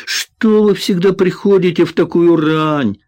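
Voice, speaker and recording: A man's voice: mid-range voice, normal speed, darkish tone, no echo, close to an everyday voice. A man doing a whiny young orderly. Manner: whining, complaining.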